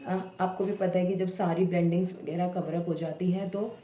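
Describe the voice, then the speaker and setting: Woman teacher walking parents through reading tricks, kind of low and mellow, echoey room w/ faint noise. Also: fairly even intonation, muffled recording. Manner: patient, explanatory, sounds out word parts slowly. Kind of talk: home tutorial for parents.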